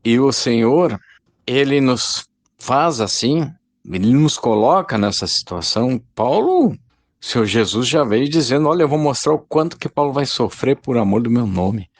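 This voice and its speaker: A man's voice: medium pitch, expressive, normal speed, dry recording. A man giving a rambling, informal spoken sermon and calling his listeners brothers. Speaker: lay preacher.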